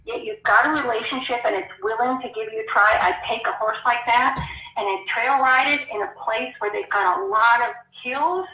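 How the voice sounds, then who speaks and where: A woman with a bright, fairly high voice answers interview questions in a frank, chatty way. She sits back from the microphone in an echoey room. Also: normal speed. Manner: frank, chatty, laughs easily. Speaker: guest horse trainer. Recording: echoey, distant from the mic.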